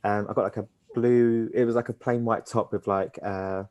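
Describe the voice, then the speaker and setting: A man co-hosting a podcast, chatting casually, giggly and animated, laughing often. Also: lowish voice, normal speed, dull audio. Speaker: podcast co-host. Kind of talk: casual chat.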